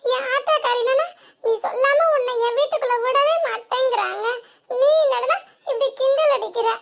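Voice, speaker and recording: A woman's voice: extremely high pitch, brisk, fairly bright tone, slight background noise. A woman voicing a complaining, self-pitying village sister-in-law in a cartoon comedy, with a southern Tamil Nadu accent. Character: weepy put-upon village sister-in-law.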